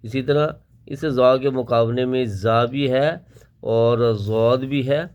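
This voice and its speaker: A man's voice: medium pitch, steady tone, a little mellow, clear, resonant tone, lo-fi sound. A man teaching Quran letter pronunciation, explaining each sound and then drilling it syllable by syllable. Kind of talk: slow step-by-step recitation lesson.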